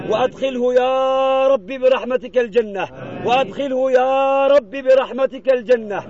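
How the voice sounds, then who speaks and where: A man preaching at an outdoor funeral, then leading supplications in a fervent, rhythmic way, repeating each plea while mourners answer. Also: very high voice. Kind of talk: graveside funeral sermon and supplication. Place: outdoors at a cemetery. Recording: muffled outdoor recording with crowd. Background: mourners answering amen.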